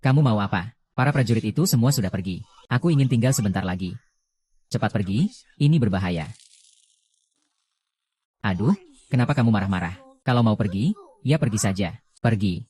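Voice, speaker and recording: Low-voiced male drama dubber. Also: animated, a little fast, pauses often, a little mellow, no echo.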